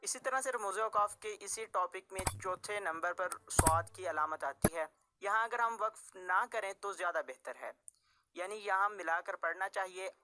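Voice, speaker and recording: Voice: medium pitch, pushed and bright. A Quran recitation teacher, patiently explaining tajweed rules and restating each point several ways.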